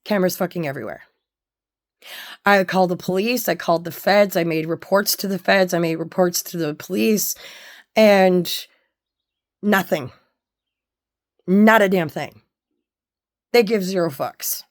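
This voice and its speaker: A woman with a slightly low-pitched voice tells a personal story straight to the listener. She speaks candidly and bluntly, swearing freely. Her delivery is halting, with stops to find the next word.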